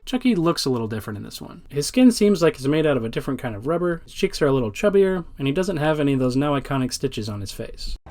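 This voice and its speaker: A man's voice: on the high side, sing-song, quick pace, few pauses, darkish tone, faint music behind. A man narrating a scripted video essay about film history in a wry, informal way. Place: voice-over recorded off screen.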